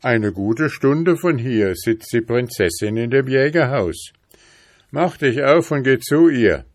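Storybook lion, raised voice, brisk and friendly, read by a man. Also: mid-range voice, expressive, dry recording, studio quality, voice pushed up. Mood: urging. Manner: urging, kindly. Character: wild male lion, gruff but friendly.

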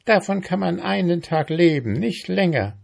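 A man voicing a bossy, officious female ant in a storybook reading, talking briskly and pompously. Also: high voice, animated, vocal fry, a little mellow, pitched above the performer's own voice, heavily acted. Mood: lecturing.

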